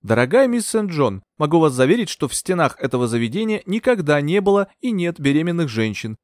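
A man reading an audiobook, voicing a calm, condescending male psychiatrist in an unruffled professional tone. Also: fairly high pitch, fairly quick, no echo, clean studio sound, voice pushed up. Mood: soothing. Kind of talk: audiobook character voice.

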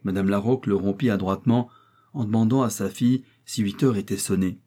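A man reading a classic novel aloud as an audiobook, in a measured, even narration. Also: on the low side. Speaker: audiobook reader.

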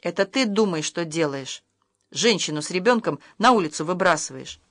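A reader voicing a distraught young mother who shouts accusations at her husband, in an audiobook. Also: mid-range voice, animated, moderate pace, no echo, clean studio sound, lightly acted. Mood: furious. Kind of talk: audiobook role reading.

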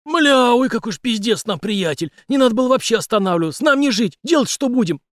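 A frantic, foul-mouthed young cop from an audiobook, his voice pitched up high and strained with panic, as a male narrator puts him on. He blurts out curses, and the sound is close and dry. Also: very animated, fast, dry recording. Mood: panicked. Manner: frantic, swearing, high-strung.

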